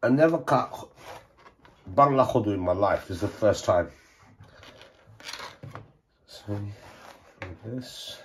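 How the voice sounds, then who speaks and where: A middle-aged vlogger cooks in his home kitchen, chatting casually, thinking aloud, joking and asking himself questions. His lowish voice is expressive and slow, with long pauses. A camera over his shoulder moves around the counter, picking up faint background noise and frying sounds.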